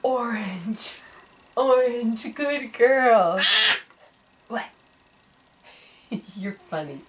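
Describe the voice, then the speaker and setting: A young mother at home patiently quizzes her toddler with pictures, repeating words, praising her, and imitating animal sounds. Her fairly high, expressive voice is very slow, and this home video is a low-quality recording made from a distance with slight background noise.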